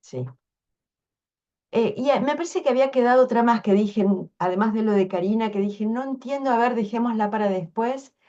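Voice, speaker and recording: A woman's voice: fairly high pitch, normal speed, mellow, muffled recording. A woman, answering workshop questions on a video call in a frank, explanatory way. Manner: frank, explanatory, thinks aloud with restarts. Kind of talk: casual online Q&A.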